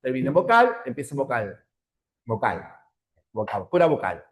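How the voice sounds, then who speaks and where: A man's voice: medium pitch, huge pitch swings, moderate pace, reverberant. A man teaching a language class, explaining step by step, repeating points and checking in with short tag questions. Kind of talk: online class lecture.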